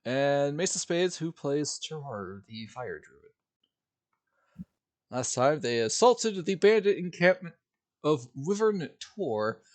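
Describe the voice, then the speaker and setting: Man, game master, lively sing-song delivery, slightly high voice, livestream headset mic audio. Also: slow. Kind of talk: narrating a tabletop game stream.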